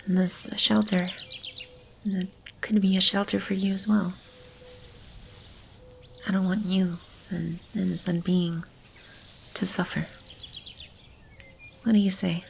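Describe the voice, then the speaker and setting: Softly and soothingly, often close to a whisper, a woman voices a caring female demon sheltering animals and a lost child in an ASMR roleplay, sounding earnest, tender, intimate and reassuring. Her medium-pitched delivery is flat and slow, with frequent pauses. Animal and bird sounds are clearly audible, plus a little hiss or hum.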